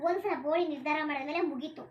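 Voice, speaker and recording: A woman voicing a bald, sharp-tongued old village grandmother in a cartoon, who scolds nonstop in rural Karnataka Kannada. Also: sits high, dull audio, natural voice. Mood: bossy. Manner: scolding, rapid-fire, crude rural Kannada. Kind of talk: cartoon voice acting.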